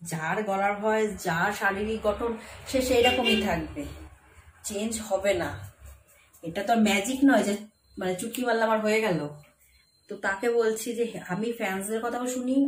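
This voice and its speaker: A young woman speaks earnestly straight to her viewers in a casual phone vlog. Her voice sits a little high. The room around her rings with echo, and a faint hiss runs underneath. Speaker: vlogger. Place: room at home. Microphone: phone camera.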